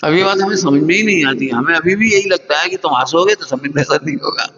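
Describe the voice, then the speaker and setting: A man's voice: on the high side, quick pace, pushed and bright. A man giving a spiritual sermon, plain-spoken, putting questions to his listeners and using homely examples. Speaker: Jain spiritual teacher. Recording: dull lo-fi hall recording.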